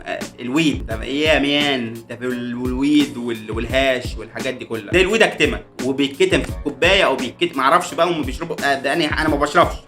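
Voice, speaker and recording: Excitable young Egyptian man reacting fast. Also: mid-range voice, faint music behind. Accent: Egyptian Arabic. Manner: excitable, laughs often, trips over words. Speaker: music reviewer. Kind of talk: reaction video commentary.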